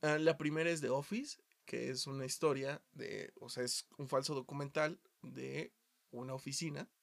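A man with a Mexican Spanish accent, hosting a casual podcast chat and talking in an animated way, full of swearing, going from quiet asides to loud outbursts. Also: medium pitch, normal speed, vocal fry. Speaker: podcast host.

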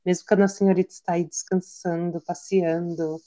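A woman's voice: on the low side, brisk, a crowd in the background. Reflective woman, casual podcast chat. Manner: reflective, animated storytelling with quoted self-talk. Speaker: podcast co-host.

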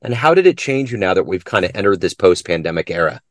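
A man's voice: sits low, very animated, quick pace, no echo. A man hosting a podcast, asking his guest questions in an eager way. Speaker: podcast interviewer. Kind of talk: interview questions.

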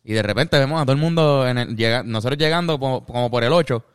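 Puerto rican guy chatting w friends, relaxed, slangy, dry close mic. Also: mid-range voice, fast, smooth, no room sound. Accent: Puerto Rican Spanish. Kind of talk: casual chat.

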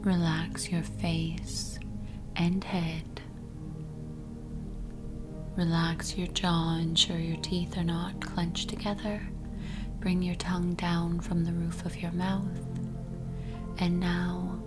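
A woman guides sleep hypnosis like a sleep story narrator, in a soft, breathy whisper with a soothing, measured, repetitive delivery. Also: on the low side, little pitch movement. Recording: voice under loud continuous music. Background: loud music.

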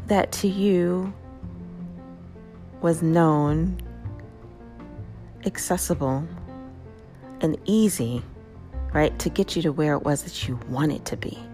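A woman hosting a casual motivational talk, conversational and lively, often checking in with "right?". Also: low voice, takes it slowly, long pauses, faint music behind. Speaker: host.

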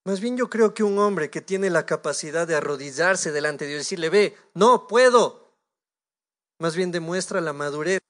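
Brisk and hardly pausing, a pastor who sounds to be in his thirties preaches with an Ecuadorian Spanish accent in a noticeably high voice. His delivery is lively, punctuated by acted-out conversations with God.

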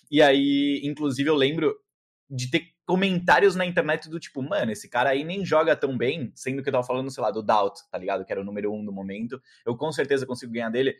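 Argentine guy, spanish native, 30s, rambling casual chat with fillers and slang. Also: medium pitch. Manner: chatty, lots of slang and repeated fillers. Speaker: interview guest, streamer.

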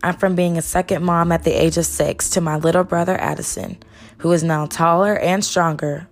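A young woman from Texas performing a rhythmic, expressive spoken-word poem. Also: on the low side. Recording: soft music behind voice.

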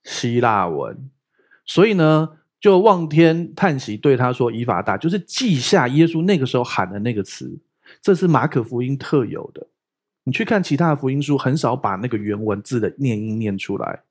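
A man preaches a sermon. His pitch leaps up and down as he jokes and tells stories, and his voice is slightly husky. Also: normal speed. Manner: playful, joking, animated storytelling. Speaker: pastor. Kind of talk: lively sermon teaching.

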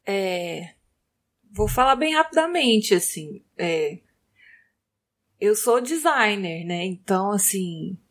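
A woman with a Brazilian Portuguese accent co-hosting a podcast, chatting casually with many fillers and pauses. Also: medium pitch, big pitch swings, fairly bright tone. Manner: chatty, filler-heavy, hesitant. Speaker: podcast co-host, designer.

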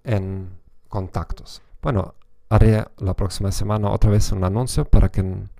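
A man hosts a language podcast in a relaxed, chatty way. His voice sits fairly low, with a gravelly, fried edge and a mellow, dark tone. He keeps checking in with little "¿no?" tags as he goes. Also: moderate pace. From Germany. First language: German. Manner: chatty, frequent "¿no?" tags and restarts. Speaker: podcast host and language teacher. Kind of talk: casual solo podcast talk.

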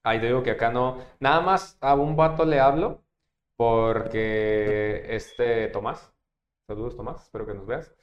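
A man's voice: medium pitch, steady tone, unhurried, muffled recording. A young man with a Mexican accent, hosting a podcast and telling rambling, slang-filled stories in casual chat. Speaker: podcast host. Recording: echoey room.

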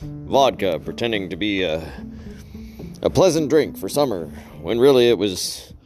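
Man, very deep voice, slow unhurried pace, deadpan story narration, faint music behind. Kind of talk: wry first-person story narration.

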